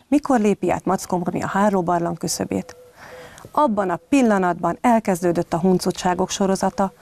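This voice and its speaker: A kindergarten teacher, a woman, gently reading a children's story aloud from home. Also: lowish voice, no echo. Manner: gentle, addressing young children.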